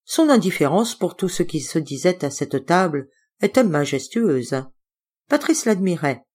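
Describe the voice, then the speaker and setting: A woman reading a classic novel aloud as an audiobook narrator, measured and expressive. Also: on the low side. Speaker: audiobook reader. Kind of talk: literary narration.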